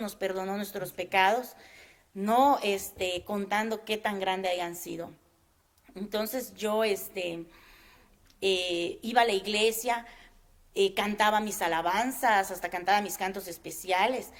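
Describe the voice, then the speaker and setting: Woman telling her faith story in an interview, earnest, lots of fillers, halting, mid-pitched voice. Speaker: guest giving a testimony. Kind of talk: personal faith testimony.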